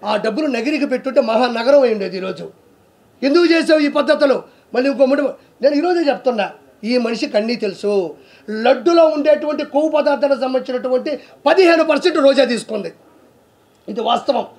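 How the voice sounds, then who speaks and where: A man's voice: very high-pitched, fairly quick, a little mellow. A man, a comedian, delivering a heated, sarcastic political rant, scolding and mocking with one rhetorical question after another. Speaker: comedian giving political commentary.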